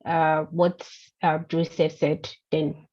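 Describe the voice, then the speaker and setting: A woman speaks slowly and haltingly in a lowish voice, working out an answer in a training session. The audio is muffled, like a lo-fi online call. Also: little pitch movement, darkish tone. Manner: hesitant, halting phrasing. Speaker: workshop participant.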